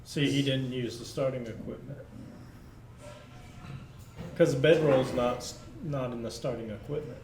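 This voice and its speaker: Male tabletop player, casual chat, medium pitch, roomy sound with faint noise. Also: steady tone, unhurried, long pauses. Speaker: tabletop role-playing game player. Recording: echoey room, faint background noise.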